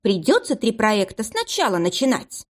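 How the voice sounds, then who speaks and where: A woman reading aloud and voicing a sharp-tongued, defiant young female office worker with a scornful, cutting manner. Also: a little high, huge pitch swings, moderate pace. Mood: scornful tirade.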